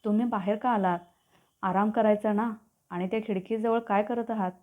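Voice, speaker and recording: Storybook role: a woman voicing a polite, deferential young maid, mid-pitched, thin phone-like audio. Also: steady tone, normal speed, lightly acted. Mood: scolding gently. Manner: respectful, coaxing.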